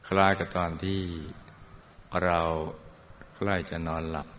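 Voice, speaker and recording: A man leading a guided meditation, speaking gently and soothingly, drawing out his words with long pauses and calling listeners his children. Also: low-pitched, level tone, a little hiss or hum. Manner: calls listeners "child" fondly. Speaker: meditation teacher. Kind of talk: slow guided meditation instruction.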